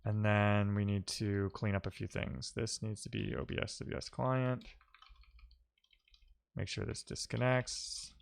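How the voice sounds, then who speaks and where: Here a lowish, gravelly yet smooth male voice delivers flatly as he streams his coding session. He talks casually, pausing and stumbling as he reasons aloud and murmurs to himself mid-task.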